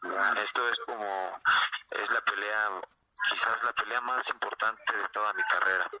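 A man's voice: lowish voice, steady tone, normal speed, bright, forceful tone. A man from Mexico with a Mexico City Spanish accent, answering interview questions as a martial arts fighter, hesitant and full of fillers and repeated words. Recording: muffled lo-fi line with clear noise.

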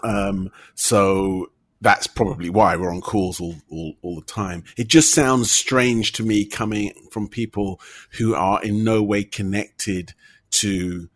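Brief: Canadian man, dry and reserved, lowish husky voice, podcast co-host. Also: slow. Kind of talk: casual podcast chat.

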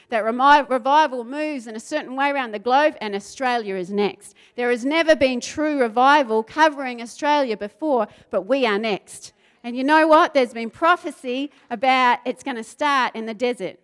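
Preaching to a crowd in a New Zealand accent, a woman speaks in a high-pitched voice with a fairly bright tone. She asks the congregation questions, adds conversational asides, and builds to passionate, rising intensity.

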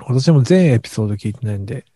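A man co-hosting a casual podcast, talking in a low-key, mumbling, deadpan way. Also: very fast, a little hiss or hum. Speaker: podcast co-host.

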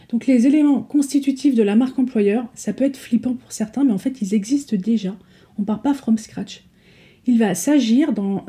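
A woman's voice: a little high, warm tone. A woman hosting a solo podcast, explaining step by step with frequent fillers and self-corrections. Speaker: podcast host.

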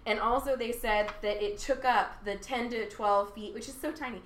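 A young adult woman co-hosts a podcast, chatting casually and rambling with lots of fillers and laughing asides. Her voice sits on the high side with fairly even intonation at a normal speed. The room is echoey, with faint noise.

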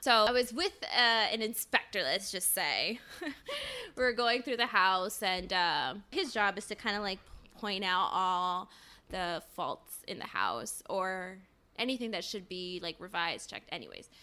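A woman podcast co-host telling a personal story in casual conversation, full of "like" fillers and quick laughs. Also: mid-range voice, animated, pushed and bright. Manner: chatty, many "like" fillers, laughs between phrases.

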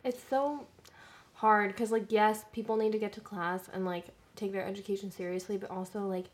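A woman's voice: medium pitch, fairly even intonation, moderate pace. Bubbly young woman podcast co-host. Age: young adult. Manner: bubbly, chatty. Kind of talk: casual chat.

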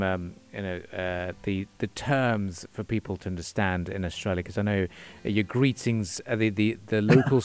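A man hosting a conversational interview, phrasing his questions hesitantly with frequent pauses mid-sentence. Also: fairly low pitch. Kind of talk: conversational radio-style interview.

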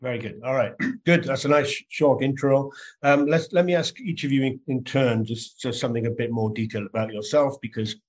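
A man with a slightly husky voice hosts a podcast interview over a video call. He talks in a friendly, lightly joking way and pauses on fillers as he gathers his thoughts. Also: mid-range voice, poor audio.

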